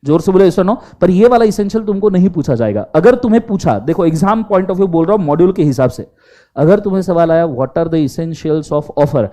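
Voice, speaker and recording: A man's voice: high-pitched, fast. A man teaching law in a classroom lecture, mixing Hindi and English and often asking the class to answer aloud. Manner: animated, quizzes the class in Hindi mixed with English.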